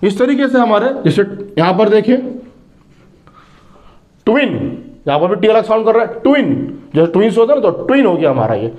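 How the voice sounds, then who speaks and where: A man teaching English phonics, drawing out each word slowly and answering his own questions as he goes. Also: sits high, very animated, darkish tone, lo-fi sound. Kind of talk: phonics lesson.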